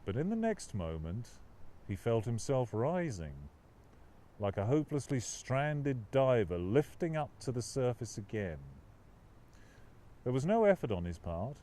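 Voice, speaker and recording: An author in a mid-range voice takes his time reading his novel aloud. His scripted audiobook narration is expressive and dramatic, with a literary feel.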